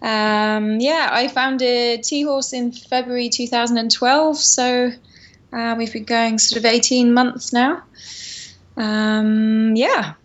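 A woman's voice: on the high side, steady tone, slow pace, muffled recording. A woman from Surrey with a Home Counties English accent chats casually as an interview guest, explaining things in a loose, hedging way. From Surrey, England. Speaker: interview guest, tea company founder.

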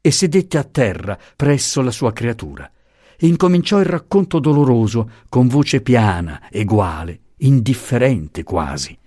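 A man narrating a literary novel in a slow, measured, expressive reading, recorded close. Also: mid-range voice, dry recording. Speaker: audiobook narrator.

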